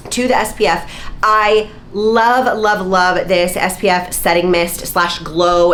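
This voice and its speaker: A woman's voice: low-pitched, a bit bright, a little hiss or hum. A woman in her thirties, slightly nasal and congested from a recent sickness, chatting casually and emphatically to camera as she reviews beauty products. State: congested, getting over a sickness. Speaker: beauty vlogger. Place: small indoor home office.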